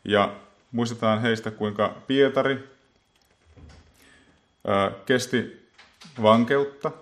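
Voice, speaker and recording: A man giving an unscripted Bible talk, speaking haltingly and filling pauses with many small filler words and restarts. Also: mid-range voice. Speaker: Bible teacher.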